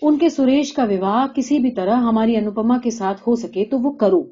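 A woman's voice: on the high side, warm tone, close to an everyday voice. A woman reading as a pleading village mother. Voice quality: pleading, insistent. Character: anxious middle-aged village mother, insistent. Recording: dull lo-fi recording.

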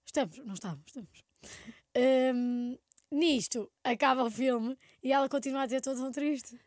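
Young European Portuguese woman, quick high-voiced co-host, chatty and fast, dry mic. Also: dry recording. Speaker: podcast co-host. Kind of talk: casual chat.

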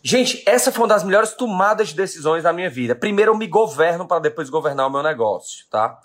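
A man's voice: on the high side, fairly bright tone. Late-30s brazilian guy doing a live business pep talk, keeps repeating his questions to the crowd. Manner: emphatic, repeats key questions, addresses audience as "gente". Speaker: business owner hosting a live stream.

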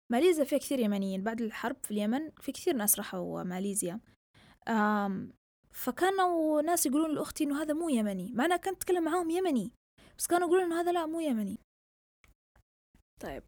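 A young podcaster from southern Yemen talks on her own show in a fairly high, darkish voice, recorded dry. Chatty and digressive, she swaps between Arabic and English, and her accent blends Yemeni with Saudi Gulf Arabic.

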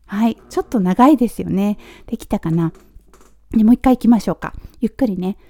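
A Japanese woman giving a casual spoken English lesson, repeating model phrases slowly, with Australian-flavored English. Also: medium pitch, warm tone, no echo. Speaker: English teacher for nurses.

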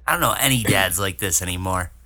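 A man's voice: sits low, fast talker, sharp tone. A man co-hosting a podcast, chatting casually with wry jokes. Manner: wry and joking. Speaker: podcast co-host. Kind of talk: casual chat.

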